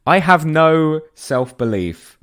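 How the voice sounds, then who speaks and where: A man's voice: on the high side, big pitch swings, slow, very noisy. A young man co-hosting a podcast, enthusiastic and self-deprecating. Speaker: podcast co-host. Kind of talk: casual chat.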